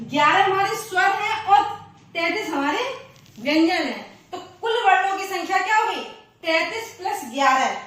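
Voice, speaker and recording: A woman with a very high, slightly bright voice teaches grammar patiently, counting, repeating terms and answering her own questions. She's far from the mic in an echoey room.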